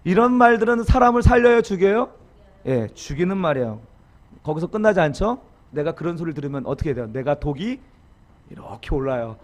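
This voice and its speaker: A middle-aged male pastor preaches with a high, lively voice that leaps up and drops low. He leads the congregation in call-and-response. His delivery is dramatic and animated throughout. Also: a little fast. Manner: acts out harsh example quotes in dramatic voices. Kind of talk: sermon.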